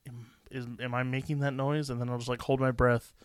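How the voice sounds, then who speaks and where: A man co-hosting a podcast chats casually about a movie, laid-back and rambling, in a casual review. His voice is medium-pitched with a level tone and brisk pace, and the recording is clean with no echo.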